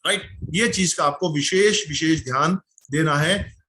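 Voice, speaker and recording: A man's voice: a little high, unhurried, bright, forceful tone, low-quality recording. A man giving a sales training presentation, coaching listeners, mixing in English phrases and often checking in with "right?".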